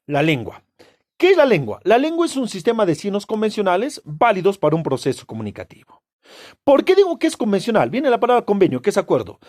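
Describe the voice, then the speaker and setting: A man teaching a classroom lecture, asking rhetorical questions and answering them himself with emphatic, drawn-out stresses on key words. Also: sits high, a little mellow, dry recording, clean studio sound. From Peru.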